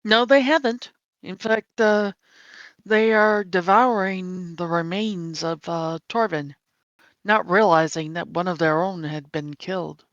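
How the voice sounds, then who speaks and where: A woman narrating as game master, slow and unhurried with filler pauses. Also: lowish voice, fairly even intonation, no room sound. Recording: dull lo-fi stream mic.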